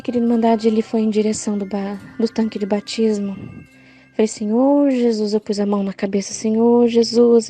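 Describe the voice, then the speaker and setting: A woman's voice: mid-range voice, mellow. A woman giving an emotional testimony to a church congregation, telling her story dramatically and often tagging lines with a questioning aside.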